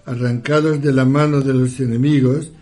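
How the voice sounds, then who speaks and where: A man leading a liturgical prayer in a solemn, measured recitation. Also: mid-range voice, steady tone, warm tone, faint music behind.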